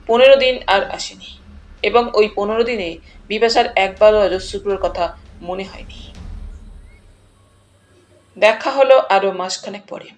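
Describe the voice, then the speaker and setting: A woman narrating a detective audiobook in a measured storytelling manner. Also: medium pitch. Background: faint background music.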